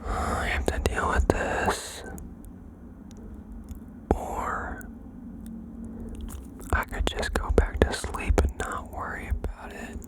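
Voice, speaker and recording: An ASMR host whispering as if sharing a secret, reading out listeners' confessions and adding playful asides in a gentle way. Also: takes it slowly, pauses often.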